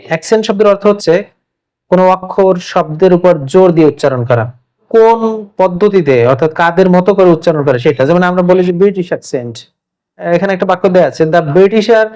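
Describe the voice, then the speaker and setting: A man from Bangladesh teaching English vocabulary in an informal lesson. He repeats each word's meaning and reads the example sentences slowly. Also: high voice, darkish tone.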